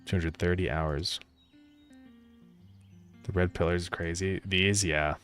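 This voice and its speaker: A man developing a game on a live stream, thinking aloud in a relaxed way and answering chat with fillers. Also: low voice, slow, soft background music. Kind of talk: casual live-stream chat while coding.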